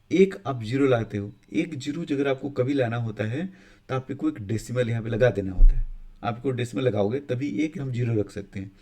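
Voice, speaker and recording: Speaking in a mid-range, somewhat mellow voice, this man explains maths casually to his students. He keeps pausing to check in with "ठीक है" and now and then restarts a sentence haltingly.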